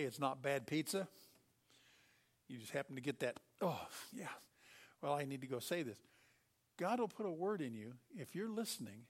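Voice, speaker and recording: A middle-aged man preaching a sermon, telling Bible stories with animated delivery and acting out the characters. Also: fairly high pitch.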